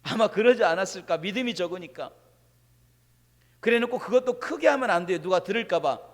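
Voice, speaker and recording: Male pastor, high voice, dynamic sermon delivery with long church reverb. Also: animated, fairly quick. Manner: dynamic, shifting from hushed asides to loud proclamations. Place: church sanctuary.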